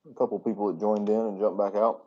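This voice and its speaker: Male channel host, lowish voice, easygoing live-stream chat between bites, muffled phone-mic sound from a hotel room. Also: little pitch movement, fast, a little hiss or hum. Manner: talks with his mouth full while eating. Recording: dull lo-fi phone audio.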